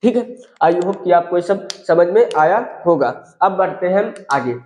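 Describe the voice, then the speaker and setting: A high-pitched man teaches physics in a roomy, echoing space. He repeats each phrase and keeps checking in with his students as he explains at the board. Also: animated, measured pace, a little mellow. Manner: repetitive, checks in often with "theek hai" and "bhaiya". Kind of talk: classroom lecture explaining at a board.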